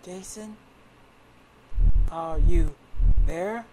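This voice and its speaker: A man voicing a gentle female stranger from a video game, doing a woman's voice with halting, word-by-word delivery. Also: on the high side, noisy background, pitched above the performer's own voice. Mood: solemn. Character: gentle female stranger addressing a patient, read from game text. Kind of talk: dramatic reading of video game text.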